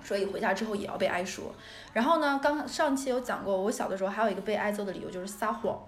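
A woman from northeast China hosting a podcast, telling childhood stories in a casual, animated way and laughing often. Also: mid-range voice, fast talker, faint music behind. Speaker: podcast host. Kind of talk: casual storytelling chat. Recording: roomy echo.

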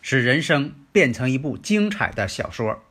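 A middle-aged or older man with a slightly husky voice, hosting a teaching show and addressing listeners in a didactic lecture style. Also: mid-range voice, sing-song, moderate pace, fairly bright tone. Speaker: host of a Chinese metaphysics teaching show. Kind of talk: spoken lecture and New Year address to listeners.

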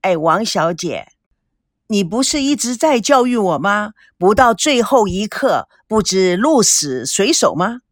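Brash joking young man, read by a woman; lively, dry audiobook. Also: medium pitch, a little slow, no echo. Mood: teasing. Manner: joking, cheeky, sometimes sighing.

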